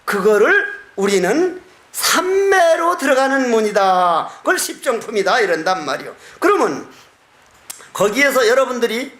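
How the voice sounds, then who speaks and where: A Buddhist monk with a very high voice gives a sermon in an echoey hall. He speaks in a folksy, joking way and chuckles often. He stretches some phrases into slow chants. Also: sing-song, fairly bright tone. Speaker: Buddhist monk giving a dharma talk.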